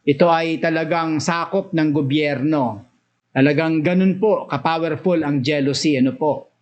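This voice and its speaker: High-voiced Filipino preacher with emphatic bursts. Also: male voice, highs cut off. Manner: mixes Tagalog and English, reads verses aloud then explains, rising emphatic bursts. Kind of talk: Bible study sermon.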